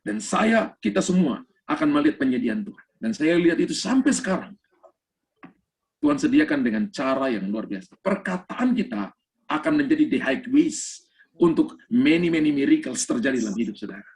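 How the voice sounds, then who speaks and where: A male pastor delivers an emphatic sermon, telling personal stories and dropping in English phrases. His voice sits a little higher than most men's, and he talks as if over a video call. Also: big pitch swings, moderate pace, a little mellow. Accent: Indonesian.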